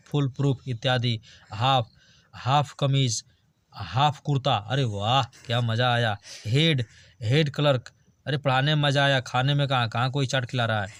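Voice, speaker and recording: A man's voice: mid-range voice, measured pace, a bit bright, no room sound. A male teacher gives an online grammar lesson, reading word lists aloud and joking with his students. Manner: chatty, jokes with students, drills word lists.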